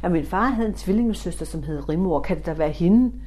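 A middle-aged woman from Denmark, a spiritualist medium, telling a story in an animated way and acting out the dialogue in different voices. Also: lowish voice, a little hiss or hum. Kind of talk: storytelling talk.

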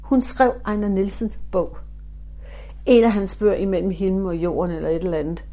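A middle-aged woman from Denmark tells a story in a lively, animated way. She is a spiritualist medium, and she slips into different voices to act out the dialogue as she goes. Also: mid-range voice. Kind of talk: storytelling talk.

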